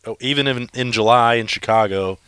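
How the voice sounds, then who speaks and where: Male co-host, smooth clear voice, brief casual asides, dry mic. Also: mid-range voice, a little fast, fairly bright tone, no echo, poor audio. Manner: brief backchannel and short follow-up questions. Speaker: podcast co-host. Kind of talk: casual chat.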